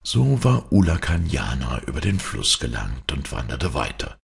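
A man narrating a fairy tale for an audiobook with an expressive, swinging delivery. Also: very deep voice, normal speed, vocal fry, husky. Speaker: storyteller.

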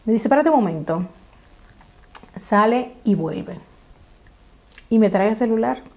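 Animated woman telling a story. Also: fairly high pitch, unhurried. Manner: animated, dramatic retelling with acted-out quotes. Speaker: vlogger. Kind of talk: storytime vlog. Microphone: camera mic.

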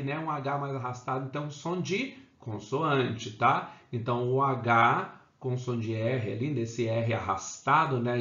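Brazilian male teacher, slightly high voice, chatty, roomy lo-fi recording. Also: fairly bright tone. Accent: Brazilian Portuguese. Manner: chatty, keeps checking in with the class. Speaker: English teacher. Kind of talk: casual online lesson. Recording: roomy, dull lo-fi sound.

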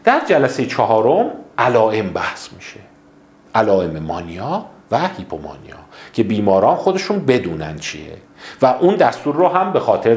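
A man's voice: lowish voice, a little mellow, echoey room. A man, a psychiatrist, lecturing in a conversational way and acting out how people react.

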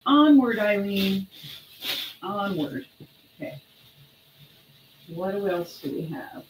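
Unhurried middle-aged woman, casual auctioneer. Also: mid-range voice, fairly even intonation, background noise. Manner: informal auctioneer, calling bids and prices between chatty asides; unhurried, with pauses. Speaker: online auction host selling vintage glass. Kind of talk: casual live-sale chat. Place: small home room, indoors.

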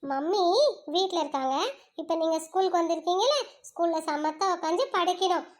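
A woman voicing a patient but scolding schoolteacher in a puppet-show cartoon. She coaxes softly and lectures firmly. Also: very high-pitched, a little fast. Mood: coaxing. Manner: soft coaxing, then firm scolding. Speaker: teacher.

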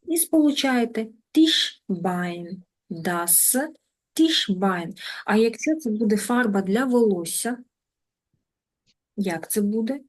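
Patient woman teaching a language lesson. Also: medium pitch. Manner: patient, repeats words slowly and drills them. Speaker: German teacher.

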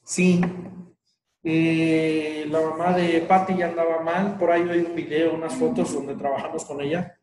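A Mexican man with a notably high voice talks to a group in a loose, colloquial way, with bits of laughter in between. He is picked up from a distance, and the room around him rings with echo. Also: level tone, measured pace, darkish tone, a little hiss or hum. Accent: Mexican Spanish. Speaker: workshop leader. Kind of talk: casual group talk. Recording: echoey room, distant mic.

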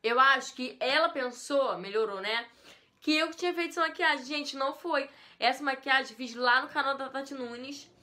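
A woman's voice: high-pitched, normal speed, bright, forceful tone. A young Brazilian woman hosting a reaction vlog, playful and self-mocking, with exaggerated intonation. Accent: Brazilian Portuguese. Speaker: youtuber host.

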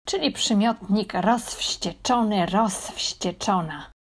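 Slow, husky-voiced woman teaching. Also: mid-range voice. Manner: calm, deliberate, translates each phrase. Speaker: language teacher. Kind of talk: slow, clear lesson narration.

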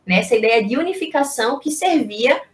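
Over a video call, a young Brazilian woman delivers an informal history lecture, explaining things and posing rhetorical questions. She talks briskly with lively intonation in a higher voice, and her microphone picks up an echoey room.

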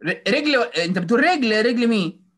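A woman's voice: a little high, expressive, brisk. A woman with an Egyptian accent teaching phonics to children over a video call, coaxing and praising them and mixing in English words. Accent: Egyptian Arabic. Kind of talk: online class drilling children.

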